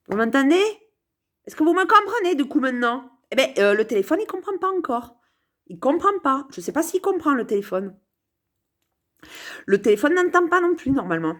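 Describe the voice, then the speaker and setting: A woman's voice: sits high, big pitch swings, moderate pace, long pauses, fairly bright tone. A woman musing playfully to camera from her sofa at home, meandering with many hesitations and repeated words. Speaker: vlogger. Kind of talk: rambling casual musing to camera.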